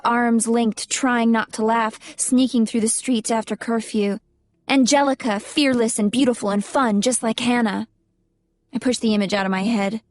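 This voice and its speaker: A young adult woman reading a first-person audiobook in a measured, expressive storytelling manner. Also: on the high side, no echo, clean studio sound. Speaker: audiobook narrator.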